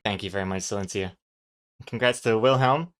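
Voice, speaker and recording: There's slight background noise as a comic artist from New Zealand, accent mixed rather than fully Kiwi, chats loosely with a livestream audience. The medium-pitched voice is brisk, thinking aloud in a rambling way.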